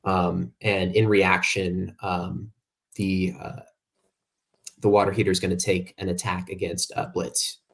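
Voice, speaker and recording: A man's voice: sits low, level tone, a little slow, gravelly. A man running an online tabletop game as game master, talking with frequent ums and uhs. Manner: hesitant, many ums and uhs.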